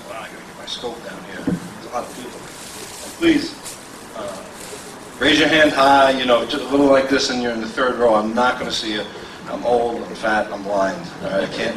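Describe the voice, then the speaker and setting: A middle-aged man calling bids as an auctioneer at a convention, joking with the crowd and rattling off prices. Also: mid-range voice. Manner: joking, self-deprecating banter with the crowd; rapid bid calling. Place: large convention hall with a crowd. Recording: echoey hall, voice from far off, faint noise.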